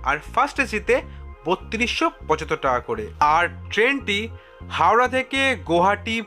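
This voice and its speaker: Bright, high male voice-over narrator. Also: faint music behind. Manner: even, measured, reads facts and figures.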